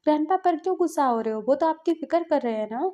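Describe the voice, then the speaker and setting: A woman voicing a gentle, worried young man who softly pleads with others. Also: high-pitched, animated, fast talker, lo-fi sound, pitched above the performer's own voice. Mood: pleading. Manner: soft, pleading.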